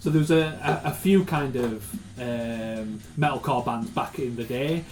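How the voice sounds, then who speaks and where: A man runs a tabletop game session as its game master. He narrates in a loose, meandering way and often stops to hunt for the next word. His voice sits at an ordinary pitch for a man. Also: a little slow, a little mellow. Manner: meandering, searches for words often.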